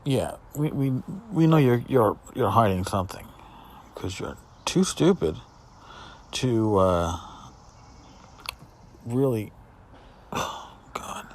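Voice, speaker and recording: Alone on his podcast, a man reads out emails and comments casually, rambling with exasperation and sarcasm. His mid-range voice is animated yet slow, with long pauses, and there's noticeable background noise.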